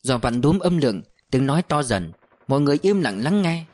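A man narrating an audiobook in a steady, measured storytelling voice. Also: mid-range voice.

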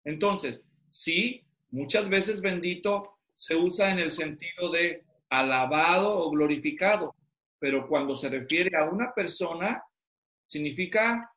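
High-voiced man teaching pastors. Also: unhurried, a bit bright. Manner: questioning, drawing answers from students. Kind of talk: interactive online class. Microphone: video call. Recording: roomy echo.

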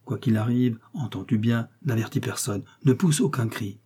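A man's voice: medium pitch, moderate pace, warm tone, husky. A man reading the part of a nobleman in hiding who speaks in a curt, imperious manner. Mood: guarded. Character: commanding male nobleman in hiding, grim.

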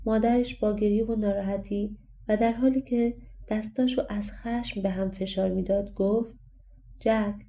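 A woman narrating a fairy-tale audiobook in a calm, expressive storybook reading. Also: mid-range voice, a little hiss or hum.

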